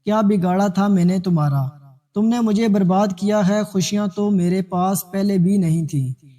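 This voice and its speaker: A man's voice: high-pitched, warm tone, close to an everyday voice. A man voicing a desperate, heartbroken young mother who speaks in angry accusations.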